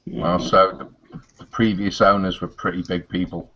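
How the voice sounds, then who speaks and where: Man, tabletop player, low voice, casual, hesitant, lo-fi, faint hiss. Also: flat delivery, moderate pace, a bit bright. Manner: casual, hesitant, describes his character's actions. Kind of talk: tabletop role-play. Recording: dull lo-fi group recording.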